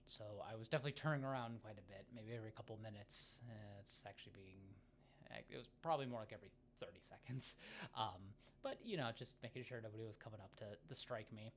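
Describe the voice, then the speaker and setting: American man, lowish pitch, casual vlogger chat, halting and digressive, faint background noise. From United States. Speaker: running vlogger. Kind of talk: casual, rambling vlog chat.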